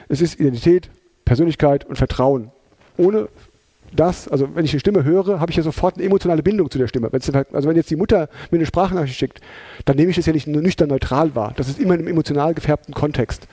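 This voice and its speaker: A man's voice: fairly high pitch, mellow, dry recording. A man presenting a talk in a chatty, informal way, with many fillers and tag questions. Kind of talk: conversational lecture.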